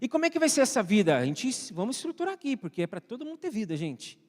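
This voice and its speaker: A man's voice: very high voice, big pitch swings, fast, darkish tone. A man with a Brazilian accent preaching a conversational sermon in church, often asking the congregation questions and speaking to viewers at home. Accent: Brazilian Portuguese. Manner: asks the congregation frequent questions; addresses online viewers at home. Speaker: pastor. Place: church hall. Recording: long church reverb.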